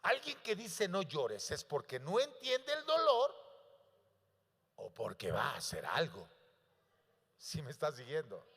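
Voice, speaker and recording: A man with a high, bright voice preaches a sermon in a church. He builds to loud, emphatic peaks and often asks the congregation questions. The sound carries a long reverb from the hall. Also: wildly swooping pitch, measured pace, long pauses, slightly rough. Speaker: pastor.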